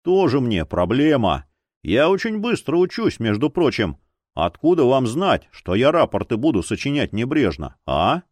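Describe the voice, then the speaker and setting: A man's voice: medium pitch, sing-song, normal speed, dry recording. Man playing aging male cook, drawling, joking, self-deprecating, dry close sound. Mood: bantering. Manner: drawling, bantering, defensive.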